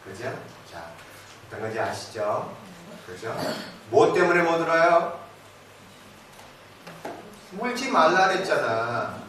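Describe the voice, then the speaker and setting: A man giving a live parenting lecture to an audience, animated, asking questions and answering them himself, moving between casual and polite speech. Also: medium pitch, takes it slowly, pauses often. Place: lecture hall. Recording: very echoey hall, distant mic, noisy.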